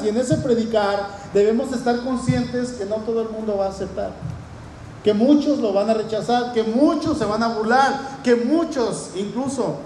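A man's voice: high voice, warm tone, slight background noise. A man preaching a sermon, earnest and full of rhetorical questions to the congregation. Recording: roomy echoing hall.

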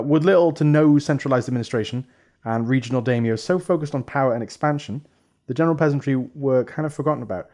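A man in relaxed conversation, laying out historical facts in a measured, explanatory manner. His delivery is casual and steady, like a co-host walking a friend through a topic. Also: mid-range voice. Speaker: podcast co-host presenting history. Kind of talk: casual chat.

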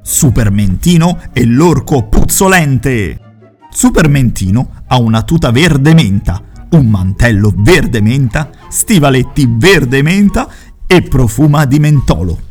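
Slow gentle man telling children's stories. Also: medium pitch, expressive, breathy edge, soft background music. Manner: gentle, playful storytelling that talks to the listeners. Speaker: storyteller. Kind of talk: children's storybook narration.

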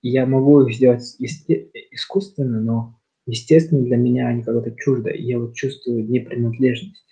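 A young man from Kazakhstan leads a casual discussion, rambling with lots of fillers and restarts. His mid-range voice is steady and mellow at normal speed, captured in slightly dull lo-fi sound.

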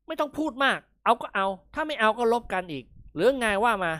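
A woman's voice: fairly low pitch, sing-song, brisk, fairly bright tone, no room sound, clean studio sound. A woman voicing a blunt, tough-talking grown man who makes curt threats, in an audiobook reading. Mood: gruff.

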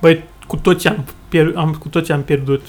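A man co-hosting a podcast, tossing quick deadpan quips in casual banter. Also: on the high side. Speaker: podcast co-host.

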